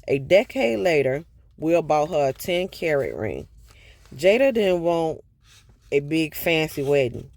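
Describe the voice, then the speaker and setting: A man's voice: a little high, a little mellow, dry recording. Chatty man recapping a book, dry sound. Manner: chatty, loose retelling with frequent laughs and asides. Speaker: book review vlogger.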